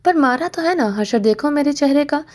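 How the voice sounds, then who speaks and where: A woman's voice: high voice, expressive, a little mellow. A woman doing a sulky, teasing young husband. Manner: mock-grumbling, teasing.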